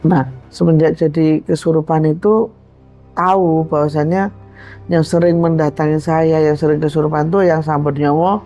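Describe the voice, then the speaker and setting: A woman's voice: low voice, fairly even intonation, normal speed, mellow, faint music behind. A woman with a Javanese accent animatedly telling her own supernatural story and acting out the voices in it. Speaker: guest storyteller.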